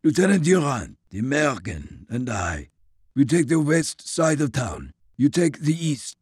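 A stern, commanding soldier, as a male narrator puts him on, clipped and loud, his pitch pushed up above the narrator's. Every sentence lands like an order. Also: sing-song, measured pace, breathy edge, no echo, clean studio sound, full character voice.

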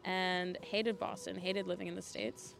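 Over music, a young woman guesting on a podcast shares casual stories in a fairly low, flat voice with vocal fry and a measured pace. Her talk is chatty and pokes fun at herself. She is a young adult from Europe, chiefly Switzerland, Belgium and Scandinavia.

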